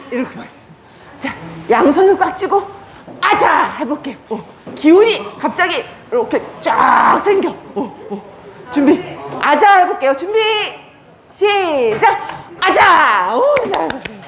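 A woman's voice: high voice, animated, moderate pace. A woman instructor leading older adults in a clapping and cheering exercise, calling out chants and cues in a cheerful, coaxing manner. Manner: cheerful chants and cues, talks down to elders warmly. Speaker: senior recreation instructor. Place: day care center activity room. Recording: echoey room, faint noise.

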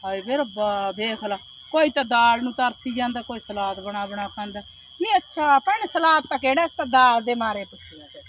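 A woman's voice: on the high side, lively intonation, a little fast, fairly bright tone, slight background noise. Woman playing a plaintive poor village woman. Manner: pleading, plaintive. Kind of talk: improvised village drama.

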